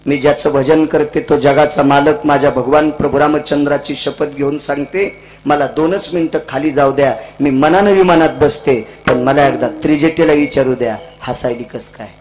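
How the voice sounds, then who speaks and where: A man's voice: fairly high pitch, steady tone, moderate pace, soft background music, rough recording. Dramatic Marathi devotional preacher, man. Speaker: kirtan preacher. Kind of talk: devotional storytelling sermon. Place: live religious gathering.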